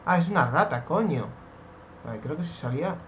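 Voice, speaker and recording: A young man from Spain with a Spanish accent, giving excitable Minecraft let's play commentary, swearing and shouting when startled. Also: on the high side, fairly quick, slight background noise. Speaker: gaming youtuber.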